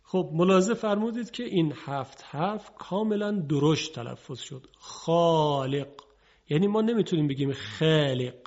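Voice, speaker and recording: Slow-spoken man teaching letter sounds. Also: fairly high pitch, darkish tone. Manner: slow, deliberate enunciation of letters. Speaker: Quran recitation teacher. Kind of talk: scripted instructional lesson. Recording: dull lo-fi broadcast audio.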